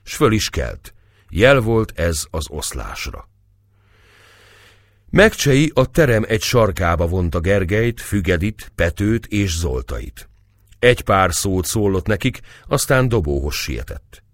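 Male audiobook narrator, deep and very expressive, dry close sound. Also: no room sound. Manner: acts out the dialogue with raised voice. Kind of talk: audiobook narration of a historical novel.

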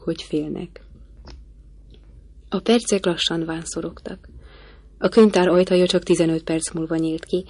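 Woman narrating an audiobook, measured. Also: lowish voice, mellow, no room sound. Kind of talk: scripted narration.

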